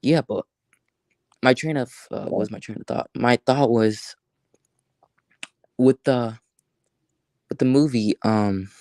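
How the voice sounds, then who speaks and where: A man hosting a casual livestream chat, rambling and halting with many fillers and restarts. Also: mid-range voice, mellow, dry recording. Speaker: livestream host.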